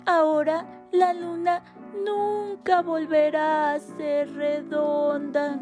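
A woman's voice: high-pitched, flat delivery, very slow, pitched above the performer's own voice. A woman voicing a small, timid young male mouse in a storybook, childlike, earnest and plaintive. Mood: dismayed. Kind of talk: storybook character voice. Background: faint piano music.

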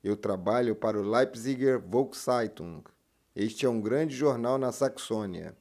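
A man reads translations after each phrase in a language course. His pitch is middling, and his reading is plain and even. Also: a little slow.

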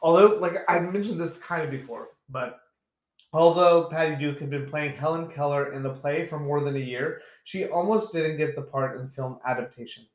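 A man's voice: on the high side, normal speed, echoey room. A man co-hosting a casual podcast chat, reading out film trivia and laughing often. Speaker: podcast co-host.

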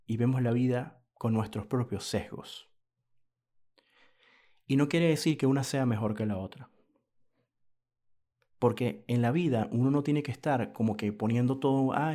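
A man's voice: medium pitch, mellow. A man hosting a podcast, musing in a reflective monologue, thinking aloud with restarts and acting out little quoted exchanges. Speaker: podcast host.

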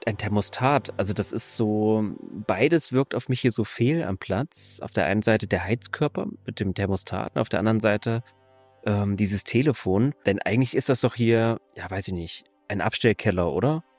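A man's voice: fairly low pitch, moderate pace, darkish tone, no room sound, soft background music. A man on a podcast, thinking aloud and questioning details of a video game in casual chat. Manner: musing, questioning. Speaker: podcast host.

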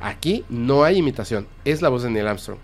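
A man's voice: medium pitch, animated, moderate pace. A man, hosting a casual podcast and animatedly retelling a story, acting out the quotes. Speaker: podcast host.

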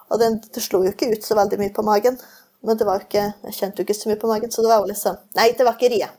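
A woman guest recounts a long personal story in easy, casual conversation, circling back and padding her sentences with fillers. Her voice is mellow and a little husky. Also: medium pitch, flat delivery. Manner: rambling storytelling with many fillers. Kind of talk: casual chat.

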